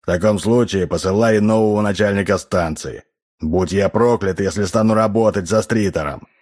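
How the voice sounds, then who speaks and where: A man's voice: on the low side, moderate pace, darkish tone, close to an everyday voice. A man reading an audiobook, voicing a weary, embittered male station chief who speaks bluntly. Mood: bitter. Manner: blunt, bitter.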